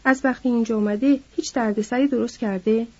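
Woman reading as a blunt ranch worker, terse, mellow, husky. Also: fairly high pitch, steady tone. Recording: dull lo-fi audiobook recording.

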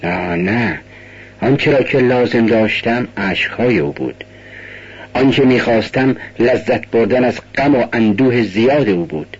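A man voicing a feverish, guilt-ridden young man in a radio play, with a husky voice. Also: medium pitch, animated, highs cut off. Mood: brooding. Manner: agitated, bitter outbursts.

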